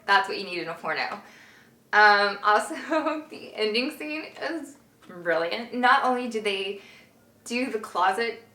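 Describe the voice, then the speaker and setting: A woman's voice: medium pitch, expressive, measured pace, pushed and bright, roomy sound. A woman hosting a casual review vlog, gushing and giggly, frank and swearing freely. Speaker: review show host.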